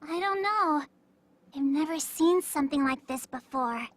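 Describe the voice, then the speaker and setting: Helpless sweet anime game girl: very high pitch, hesitant, drawn-out pleading delivery. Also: lively intonation, no room sound. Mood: unsure. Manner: soft-hearted, pleading, hesitant. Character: sweet, timid, helpless young girl sidekick. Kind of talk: anime-style game voice acting.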